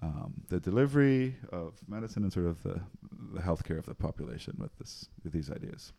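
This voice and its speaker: A man in his forties, raised in Trinidad, speaking with a very low voice as a guest in a relaxed interview. He chuckles a lot and fills his thoughts with ums and false starts. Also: a little fast, creaky. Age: 40s. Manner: laughs often, many ums and restarts. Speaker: physician and AI researcher, guest. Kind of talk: casual interview talk.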